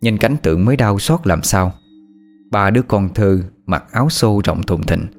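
A male storyteller reads a sad tale in a slow, mournful way. His voice sits low, and faint background music plays behind it. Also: animated. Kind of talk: scripted story narration.

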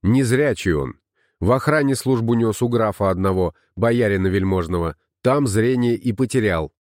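A man's voice: lowish voice, moderate pace, a little mellow, no echo, studio quality, close to an everyday voice. A man reading an audiobook, voicing a grim, red-haired wandering herbalist who speaks tersely. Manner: terse, curt.

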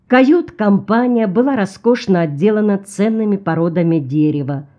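A woman narrating an audiobook in an even, measured reading. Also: medium pitch, lo-fi sound.

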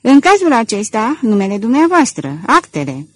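A woman reading an audiobook, voicing a curt, distrustful male magistrate with a husky voice. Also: on the high side, sing-song, no room sound. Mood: stern. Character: gruff suspicious male magistrate, curt and stern.

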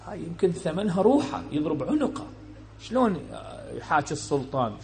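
A man with an Iraqi Arabic accent preaching a sermon. He tells a story and acts out its speakers, moving between loud emphatic bursts and low quiet asides. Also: slight background noise.

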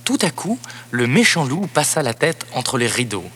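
Lively male storybook narrator. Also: medium pitch, moderate pace, breathy edge. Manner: lively, expressive read-aloud with swooping emphasis. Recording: cassette narration over background music.

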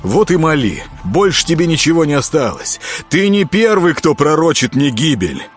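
A man voicing a vengeful male ghoul who shouts threats in a wild, snarling manner. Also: medium pitch, very animated, moderate pace, husky, faint music behind. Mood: furious threatening.

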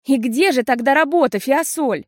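A woman's voice: high voice, sing-song, fairly quick, darkish tone, no room sound, clean studio sound, pitched above the performer's own voice, exaggerated voice. A woman reading an audiobook, voicing a stern older sister who speaks firmly. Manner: firm, unyielding. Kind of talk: audiobook character voice.

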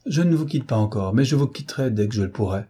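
A bitter, reproachful young man, as a male narrator reads him, impassioned and accusing. The tone is mellow and husky rather than bright. A novel read aloud as drama. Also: medium pitch, lively intonation, quick pace. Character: embittered young man accusing his parents.

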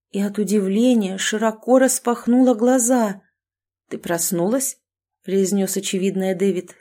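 A woman reading a first-person audiobook narration in a steady, even way. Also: medium pitch.

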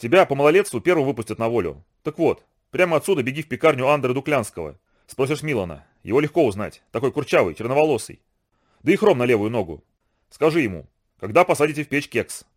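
A cheerful uncle whispers secret instructions in a low, urgent voice, voiced by a man reading a story. His pitch still moves in a lively way. It sounds like a character in an audiobook. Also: quick pace, lightly acted. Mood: hushed. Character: cheerful plotting uncle, hushed conspirator.

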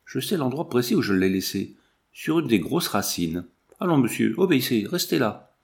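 A man reading the lines of a lively young lady dance partner in a playful, commanding way. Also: medium pitch, moderate pace, gravelly.

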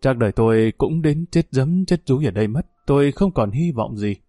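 A man's voice: medium pitch, animated, brisk, dark tone, no room sound, clean studio sound, faint music behind, lightly acted. A man voicing a poor, weary old man with a Northern Vietnamese accent, who talks in sighs and mournful tones. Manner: sighing, mournful talk.

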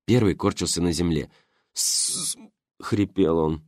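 A man reading a first-person story as an audiobook narrator, with an expressive storytelling delivery. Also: low voice, brisk, dry recording, clean studio sound.

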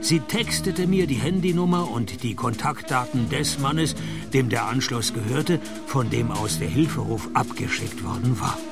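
Philip Maloney, gravelly deadpan noir detective played by a man. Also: medium pitch, moderate pace, over loud music, close to an everyday voice. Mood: wry narration. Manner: deadpan, dry. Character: sardonic, world-weary male private detective, noir narrator. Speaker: private detective narrator. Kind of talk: noir detective radio drama, dialogue and first-person narration.

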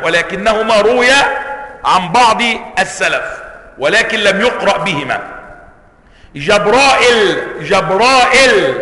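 Egyptian sheikh, high bright voice, lecture in a roomy hall with long reverb; patient teacher who quizzes the class. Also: male voice. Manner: explains slowly, checks students with questions, drawn-out recitation of word forms. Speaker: sheikh teaching Quran sciences. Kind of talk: classroom lecture on Quran readings.

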